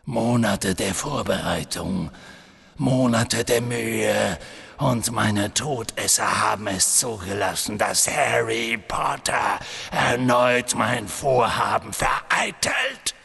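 Cold menacing sorcerer, voiced by the male narrator, quiet, slow, gravelly edge. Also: fairly low pitch, expressive, full character voice.

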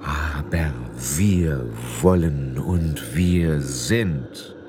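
Storybook role: eerie icy winter spirit, slow and hollow, very deep, drawn-out words, with background noise. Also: male voice, full character voice. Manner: slow, hollow, uncomprehending speech. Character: cold ghostly winter spirit, male, eerie and strange.

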